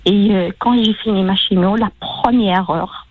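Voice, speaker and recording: A woman's voice: medium pitch, a little slow, a little hiss or hum. A woman calling in to tell her story, rambling and repeating herself with many fillers, over a tinny phone line. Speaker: caller. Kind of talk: emotional call-in testimony.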